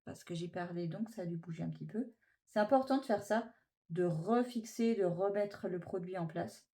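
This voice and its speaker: A woman's voice: on the low side, normal speed, dark tone. A woman chatting casually through a makeup tutorial, gushing with enthusiasm over each product. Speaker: beauty vlogger.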